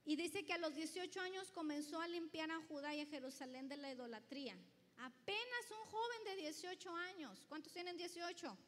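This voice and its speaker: A woman's voice: very high voice, animated, brisk, a bit bright. A woman preaching a sermon to her congregation, reading scripture aloud and putting questions to the listeners. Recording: long reverb of a large hall.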